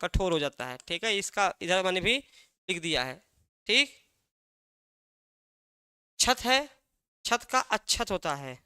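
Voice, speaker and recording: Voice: mid-range voice, expressive, takes it slowly, long pauses, sharp tone, smooth, dry recording, studio quality. A teacher giving an exam-prep language lesson, asking a question and then answering it, repeating key words again and again.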